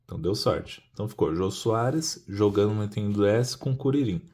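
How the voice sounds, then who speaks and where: A man's voice: on the low side, animated, brisk, a little mellow, breathy edge. A man explaining a puzzle-cube method step by step in a casual hands-on tutorial, often asking rhetorical questions.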